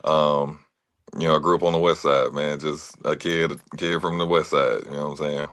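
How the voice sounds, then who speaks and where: A man with a deep, laid-back voice from Atlanta, Georgia, tells stories in a relaxed, conversational way as an interview guest. He's an actor and fitness trainer who keeps a steady tone and moderate pace, sounds a bit bright, and often says "you know what I'm saying."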